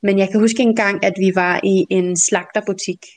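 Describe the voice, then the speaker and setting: A Danish woman co-hosting a podcast, telling stories in a casual, animated way and laughing often. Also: mid-range voice. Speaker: podcast co-host. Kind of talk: casual conversational storytelling.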